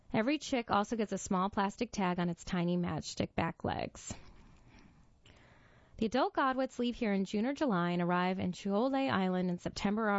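A woman reading a scripted nature article aloud in a measured, nature documentary manner, as a narrator for a reading service. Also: mid-range voice, no echo. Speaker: volunteer-style magazine reader for a radio reading service. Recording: dull, lo-fi, dry close recording.

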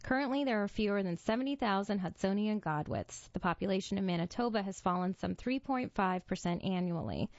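A woman reading a scripted nature article aloud in a measured, nature documentary manner, as a narrator for a reading service. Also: mid-range voice, animated, a little mellow, no echo. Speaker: volunteer-style magazine reader for a radio reading service. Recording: dull, lo-fi, dry close recording.

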